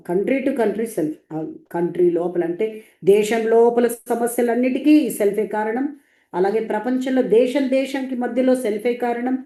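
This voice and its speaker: A woman's voice: mid-range voice, warm tone, echoey room. A woman translating and explaining spiritual teachings, speaking in a repetitive, emphatic lecturing way.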